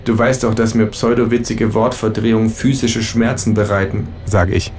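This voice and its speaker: A man's voice: lowish voice, flat delivery, moderate pace, a little mellow, soft background music. A man narrating a comic story in the first person, dry and long-suffering. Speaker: narrator and author.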